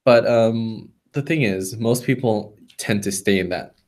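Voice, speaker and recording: A man's voice: on the low side, a little slow, darkish tone. A young man co-hosting a podcast, chatting casually and swearing freely. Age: young adult. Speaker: podcast co-host. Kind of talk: casual chat. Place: library room.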